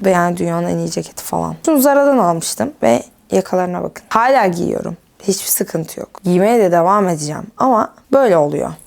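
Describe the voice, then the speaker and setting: A woman's voice: mid-range voice, creaky, darkish tone. A young woman vlogging in a rambling, chatty stream of thought while she sorts her wardrobe, laughing often. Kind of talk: casual stream-of-consciousness chat.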